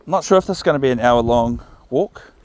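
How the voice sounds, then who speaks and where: Male vlogger, New Zealand accent, mid-pitched, casual and musing, thinks aloud in an unhurried ramble. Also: lively intonation, darkish tone. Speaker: vlogger walking his dog. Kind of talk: casual rambling vlog narration. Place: outdoors, walking along a path. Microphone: phone recording while walking.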